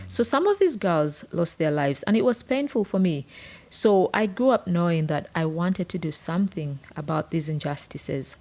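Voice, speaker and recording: Speaking as a podcast co-host in a prepared conversation, a Ugandan-accented woman explains her points earnestly and articulately. Her voice is low and a little mellow.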